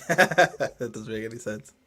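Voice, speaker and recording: Man, mid-pitched voice, casual teasing football chat, loud cheers. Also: lively intonation, slow pace. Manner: chatty, teasing, cheers loudly. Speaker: football watchalong host. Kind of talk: casual match-watching chat.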